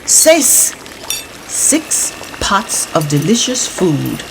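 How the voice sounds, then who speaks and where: A woman's voice: fairly low pitch, very animated, extremely slow, gravelly, background noise, pitched above the performer's own voice, exaggerated voice. A woman voicing an impatient male skeleton who counts emphatically in a storybook trickster tale. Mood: exasperated.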